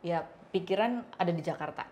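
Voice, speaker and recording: A woman hosting a talk show, firing brisk, short probing questions at her guest. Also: fairly low pitch, a little mellow. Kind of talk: interview questions.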